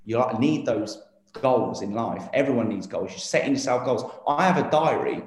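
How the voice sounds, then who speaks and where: A man's voice: medium pitch, animated, moderate pace, echoey room, a little hiss or hum. A man in his late twenties, an interview guest talking casually and earnestly with many fillers and restarts. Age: 20s.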